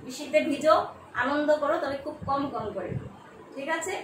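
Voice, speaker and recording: A woman's voice: high-pitched, normal speed, background noise. A middle-aged woman from Bangladesh, a geography lecturer giving an online lesson to students in a chatty, motherly way, with frequent filler sounds. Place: room at home. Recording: echoey room, mic at a distance.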